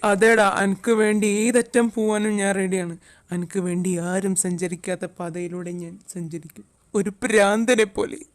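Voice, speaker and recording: A woman's voice: mid-range voice, steady tone, moderate pace, close to an everyday voice. A young woman, voicing a teasing, playful young man in an amateur fan dub.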